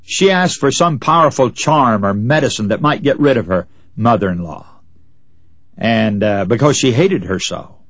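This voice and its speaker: A male preacher delivers an earnest, folksy sermon and addresses his listeners as friends. His voice is a little husky, and his pitch rises and falls with lively emphasis. The sound is dry and close. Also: normal speed, no room sound. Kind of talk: radio sermon with illustrative stories.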